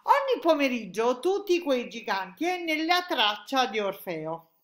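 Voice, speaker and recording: A big friendly old giant booms out his muddled words, as a woman reads him aloud. The voice jumps high and lively, cheerful and loud. A storybook figure full of good nature. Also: unhurried, full character voice. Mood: jolly.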